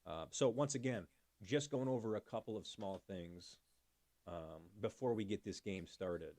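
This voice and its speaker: Man, livestream host, fairly low voice, dry room sound, casual, chatty, thanks his viewers. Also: a little slow, darkish tone, no room sound. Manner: chatty, thanks viewers by name, talks through fixing his audio.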